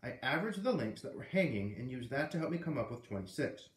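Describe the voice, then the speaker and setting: Very animated and talking fast, a man in his thirties with a mid-range voice reads from a storybook and throws in chatty asides. The living-room recording, made by a camera a few feet away, is roomy and echoey.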